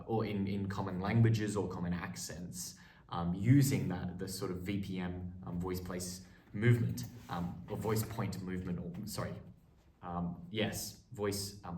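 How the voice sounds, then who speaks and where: Low-voiced hesitant man, roomy and distant. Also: slight background noise. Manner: hesitant, many ums and restarts. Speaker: acting student. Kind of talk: spoken reflection on a course. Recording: roomy echo, mic set at a distance.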